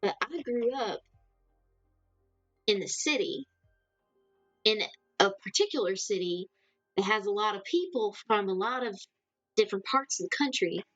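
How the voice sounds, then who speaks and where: Her voice is medium-pitched and fairly bright, moving at a measured pace with long pauses. A livestream host from the Southern United States with a mild accent, she chats loosely with her live audience, rambling and laughing often. Soft music plays under the lo-fi, echo-free sound.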